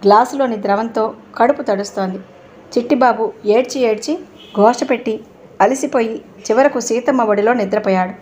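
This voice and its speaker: A woman narrating a novel aloud in a steady storytelling reading. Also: a little high, moderate pace, slight background noise. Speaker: audiobook narrator.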